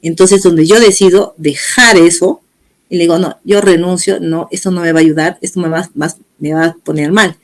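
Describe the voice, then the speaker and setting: A woman's voice: lowish voice, steady tone, normal speed. A middle-aged woman gives a personal testimony in an interview. She talks earnestly and steadily, slipping into the words of the people she quotes as she goes. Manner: earnest storytelling, acting out others' words in quotes.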